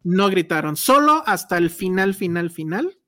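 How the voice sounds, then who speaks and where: A woman's voice: fairly low pitch, sing-song, moderate pace, fairly bright tone. A woman with a Mexican Spanish accent chatting casually as a film reviewer, slangy and full of hedges. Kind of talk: casual movie review chat.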